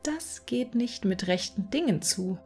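A woman voicing a proud, hasty male hare who calls out in a high voice. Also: lively intonation, a little slow, husky, soft background music, exaggerated voice. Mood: excited. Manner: high-pitched, shouting.

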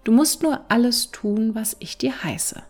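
A woman's voice: on the high side, unhurried, a little mellow, soft background music. Woman reading as a crafty wandering fiddler. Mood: calm.

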